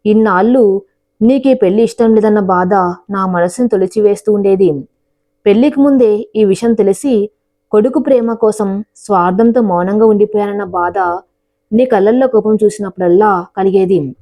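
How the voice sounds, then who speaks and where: A woman's voice: medium pitch, normal speed, mellow, natural voice. A woman voicing a kind, tearful middle-aged mother-in-law who speaks tenderly to her daughter-in-law in a told story.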